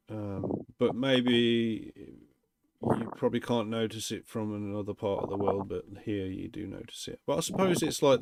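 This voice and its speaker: A man, co-hosting a livestream in relaxed, chatty conversation. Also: medium pitch, slight background noise. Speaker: livestream co-host. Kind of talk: casual chat.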